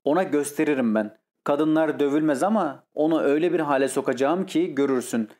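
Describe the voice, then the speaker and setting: Scornful blustery brother, read by a man, scolding, fairly high voice, audiobook. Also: fairly quick, darkish tone, close to an everyday voice. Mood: indignant. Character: indignant blustering older brother, landowner. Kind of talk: audiobook character reading.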